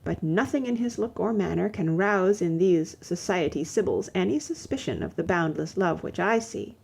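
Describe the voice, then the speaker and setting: A woman reading a classic novel aloud in the first person, measured and expressive. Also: fairly low pitch, creaky, husky. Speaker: audiobook reader. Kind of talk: first-person literary audiobook narration.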